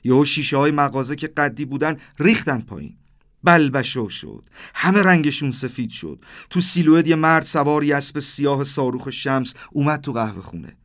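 A man's voice: a little high, expressive, a bit bright. A man in his thirties narrating a surreal first-person story, with livelier delivery when he quotes the exchanges. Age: 30s.

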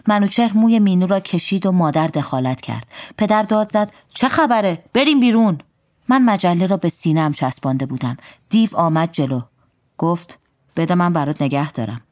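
A woman reading a first-person story aloud in a calm, wry storytelling manner. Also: on the low side, no room sound, clean studio sound.

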